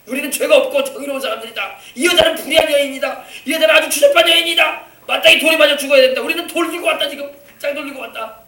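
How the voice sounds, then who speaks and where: A man voicing a group of boastful self-righteous men accusing a woman, declaring loudly and proudly. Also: extremely high pitch, racing, pitched above the performer's own voice. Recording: echoey church from far off.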